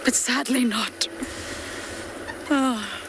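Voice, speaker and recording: A woman from Scotland, guiding a live game drive, chats earnestly to viewers in a Scottish accent, drawing out her words in a voice on the high side. She sits in an open safari vehicle in the bush as dusk falls, and bush ambience and vehicle noise come through on the recording.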